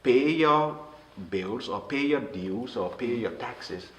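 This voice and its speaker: A man from Liberia, speaking earnestly in an interview and often halting and restarting his words. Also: mid-range voice, lively intonation, fairly bright tone. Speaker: interview guest. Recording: roomy echo with faint noise.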